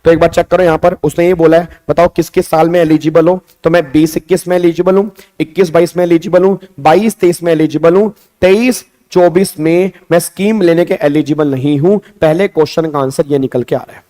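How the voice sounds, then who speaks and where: A man teaching a tax class online, drilling students with repeated questions and urging quick answers. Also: fairly high pitch, steady tone, warm tone. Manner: acts out examiner and students in quoted lines. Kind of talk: online exam-prep lecture.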